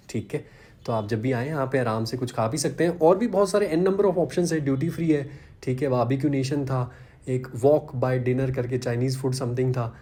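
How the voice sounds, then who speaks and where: A man's voice: mid-range voice, warm tone. A man, chatting casually in a vlog and poking fun at himself. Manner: chatty, self-deprecating, conversational. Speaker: vlogger.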